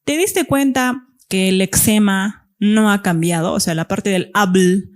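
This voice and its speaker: A woman's voice: mid-range voice, a little slow. A woman teacher giving a classroom grammar lesson, explaining step by step and often checking that the students follow.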